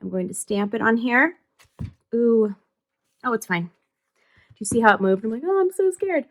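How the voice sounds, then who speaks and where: Middle-aged woman, craft tutorial host, bright voice, higher pitch, chatty, upbeat. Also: moderate pace. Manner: chatty and upbeat, thinking aloud while working.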